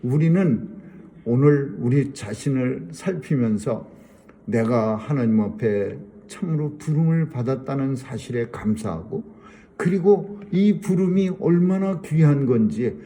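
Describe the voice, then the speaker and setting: A man's voice: medium pitch, expressive, unhurried, warm tone. A middle-aged man preaching a Sunday sermon, emphatic and repeating his key phrases. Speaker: pastor.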